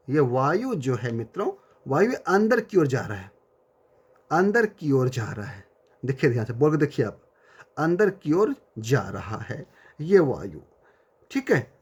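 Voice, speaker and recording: A man teaching a Hindi grammar lecture to students, repeating key terms slowly and calling his listeners friends and dear children. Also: on the high side, a little mellow, breathy edge.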